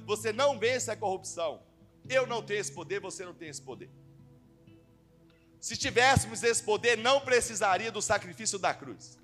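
A male youth pastor preaching a sermon to young people, swinging from loud to hushed. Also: high-pitched. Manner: preaching with sweeping swings in volume.

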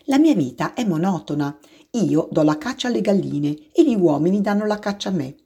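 A woman voicing a wise, patient fox in a storybook reading, calm and tender. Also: lowish voice, fairly quick, slightly rough, pitched above the performer's own voice. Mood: wistful.

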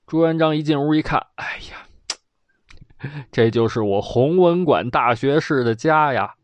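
A man telling a traditional historical story in a lively, colloquial way with vocal sound effects. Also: on the high side, moderate pace, no echo.

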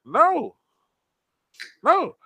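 Animated, slangy man bantering on a podcast. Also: very high voice, drawn-out words, no echo. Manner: profane, slangy, teasing. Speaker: podcast co-host. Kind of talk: casual banter.

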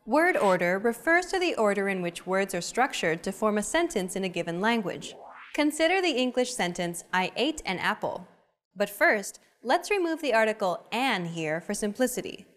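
A woman hosting a language lesson, explaining in clear, measured, scripted narration. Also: mid-range voice, very animated.

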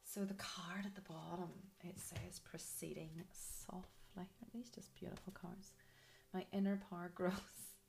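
Unhurried, creaky-voiced woman reading cards. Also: on the low side, level tone, darkish tone, a little hiss or hum. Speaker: spiritual card reader hosting a video. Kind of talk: casual spoken card reading and guidance to viewers.

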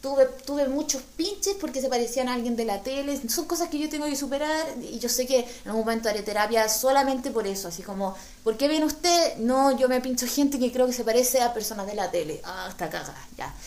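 A woman with a Chilean accent telling a comic story, slangy and animated, acting out the voices in her tale. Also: fairly high pitch, fairly quick, hardly any pauses, echoey room. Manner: animated, slangy, acts out dialogue. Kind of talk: stand-up storytelling.

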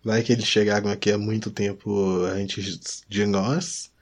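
A Brazilian man with a somewhat low voice talks in a casual chat. His phrasing is informal and slangy, as between friends. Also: level tone, measured pace.

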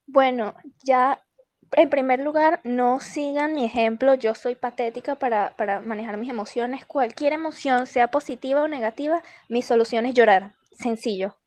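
A woman's voice: high-pitched, normal speed, darkish tone, no room sound. A young woman with a Venezuelan accent co-hosting a podcast, laughing often and talking in slangy, self-mocking casual chat. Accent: Venezuelan Spanish. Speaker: podcast co-host.

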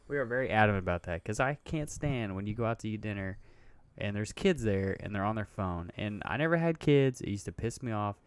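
A man in casual podcast banter, blunt and crude with a joker's edge. His voice sits low and smooth. The sound is close and dry, with no room around it. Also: no echo. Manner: profane, blunt and joking. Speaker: podcast co-host.

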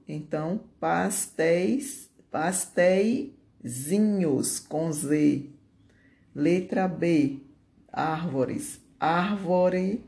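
A teacher correcting homework exercises aloud, reading answers slowly and deliberately and stretching out key words. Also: mid-range voice, gravelly, mellow.

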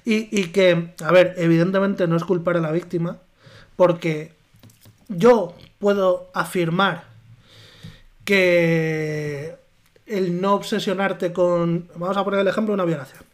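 A man co-hosting a podcast, making his points casually and deliberately, with pauses and fillers. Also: high-pitched, little pitch movement. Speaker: podcast co-host. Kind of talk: casual chat.

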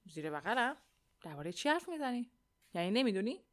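A woman's voice: mid-range voice, sing-song, lightly acted. A woman voicing a defensive teenage boy who protests in a raised voice. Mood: indignant.

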